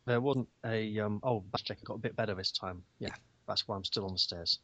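A man's voice: fairly low pitch, a little fast, a bit bright, no echo, lo-fi sound. A man taking part in a tabletop game as a player, in casual chat.

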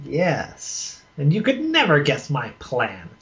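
A man's voice: fairly high pitch, huge pitch swings, slow, a bit bright, heavily acted. A man voicing a tiny, whimsical, boastful male fairy spymaster in a tabletop roleplaying game. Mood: smugly cunning. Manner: self-important, whimsical. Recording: roomy, noisy, muffled tabletop recording.

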